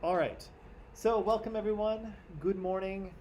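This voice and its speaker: A male teacher leads a history lesson in a classroom in a relaxed, conversational way, often tagging his points with "right?". His tone is mellow and warm. Faint noise sits under the voice. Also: high-pitched, measured pace, low-quality recording.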